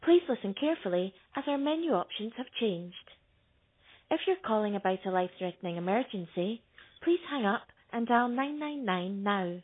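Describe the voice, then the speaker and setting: A woman reading a recorded phone menu message in a measured, formal way. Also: mid-range voice. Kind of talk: scripted automated announcement. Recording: tinny phone line with faint hiss.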